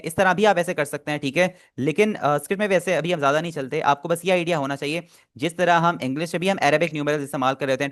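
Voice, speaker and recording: A man's voice: on the high side, fairly bright tone. A man teaching an online language class, patiently repeating and explaining pronunciation step by step.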